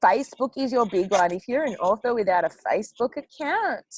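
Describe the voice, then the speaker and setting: A woman's voice: on the high side, animated, fairly quick, darkish tone, dry recording, low-quality recording. A woman author on a panel discussion who talks bluntly, swears freely and laughs often.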